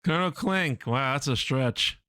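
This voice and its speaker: A man's voice: mid-range voice, animated, a little slow, pushed and bright, clear, resonant tone, no room sound. A man co-hosting an anime podcast, chatting casually and explaining news at length with plenty of ums and uhs. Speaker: podcast co-host.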